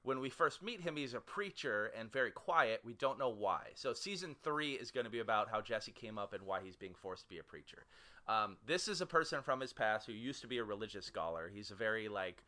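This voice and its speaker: A man co-hosting a casual podcast, recapping a show with quick asides and frequent laughter. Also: lowish voice, expressive, sharp tone. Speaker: podcast co-host who picks the shows. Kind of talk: casual chat.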